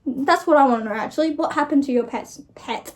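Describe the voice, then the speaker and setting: A woman's voice: sits high, fast talker. A young Australian woman chatting casually and informally in amused disbelief, as an online creator reacting to things. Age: young adult. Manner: informal, slangy, conversational.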